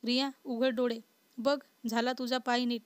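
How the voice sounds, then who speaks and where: A short-tempered, protective young man from a spoken love story, as read by a woman. The voice stays higher than a man's and flat in its rise and fall, with little acting put into it. The recording is dry and close. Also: a little slow, clean tone, dry recording, close to an everyday voice. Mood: calm.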